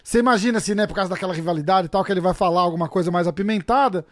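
A man's voice: high voice, rapid-fire, no echo, clean studio sound. A Brazilian man hosting a casual podcast interview, enthusiastic, laughing often and dropping slangy interjections. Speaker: podcast host.

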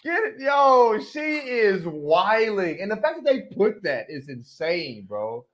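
A man's voice: sits high, sing-song, takes it slowly, a bit bright. A man bantering casually as a panelist, slangy and emphatic, often repeating his phrases. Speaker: show panelist.

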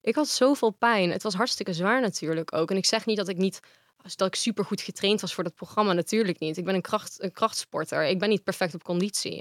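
A woman's voice: medium pitch, quick pace, dry recording, studio quality. A woman guest in a casual interview, speaking frankly and at length.

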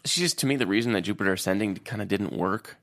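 A young adult man co-hosting a casual movie review chat, telling stories in an animated way with quick asides and giggles. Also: lowish voice. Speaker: podcast co-host.

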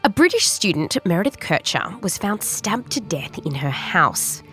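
Hosting and narrating a scripted science documentary, an Australian woman tells the story conversationally and stresses key words. Her voice is lowish and a little bright, swinging widely in pitch at a normal pace, with soft music underneath.

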